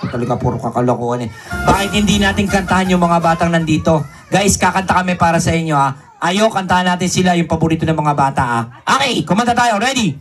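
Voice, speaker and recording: A man's voice: high-pitched, fast talker, a bit bright, soft background music. A man performing a ventriloquist comedy act for children, playing the exasperated straight man to his puppet. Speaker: ventriloquist entertainer.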